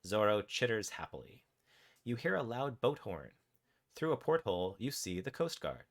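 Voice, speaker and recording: A man's voice: lowish voice, sing-song, moderate pace. A man streaming live, reading his interactive fiction story aloud in a laid-back way, with casual asides about the poll results. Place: home streaming setup.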